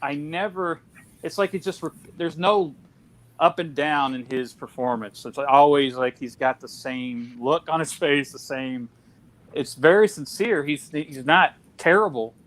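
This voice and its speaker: A man's voice: fairly high pitch, a little slow, fairly bright tone. A man hosting a casual film discussion, chatty with lots of fillers and restarts. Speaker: podcast host.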